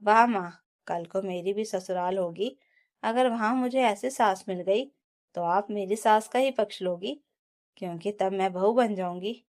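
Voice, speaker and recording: A woman's voice: mid-range voice, measured pace, darkish tone, lightly acted. A woman voicing an outspoken college-age daughter. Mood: reproachful. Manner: outspoken, reproachful. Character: young college-going daughter, fair-minded and outspoken.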